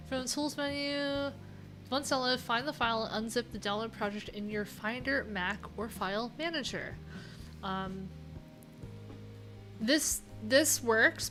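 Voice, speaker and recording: In a small, cluttered indoor room with music playing behind her, an American woman in her thirties hosts a livestream, chatting casually while reading docs. Her fairly high voice is bright and forceful, and her talk is rambling, wry, and informal.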